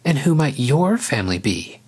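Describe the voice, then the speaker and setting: A man's voice: medium pitch, very animated, moderate pace, a little mellow, breathy edge, pitched above the performer's own voice. A man voicing a confident, showy young lioness who teases in a storybook reading. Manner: confident, theatrical.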